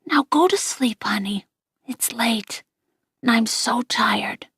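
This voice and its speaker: A tired, loving mother who speaks in a hushed half-whisper, as a woman reads her. Her voice is slow, breathy and husky, with a dry, close sound. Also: fairly high pitch, dry recording, exaggerated voice. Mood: tired, tender.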